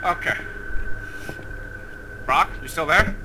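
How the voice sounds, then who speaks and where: A man's voice: fairly high pitch, slow, noisy background. A young man playing a horror game at his desk, panicky, screaming and swearing a lot in his commentary. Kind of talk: let's play commentary. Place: home, at a desk.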